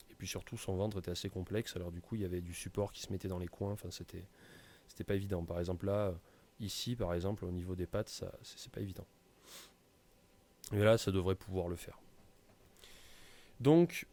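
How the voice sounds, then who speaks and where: A man from France presents a screen-recorded software tutorial, talking through it loosely in a low, warm voice. He's casual, with many hesitations and fillers.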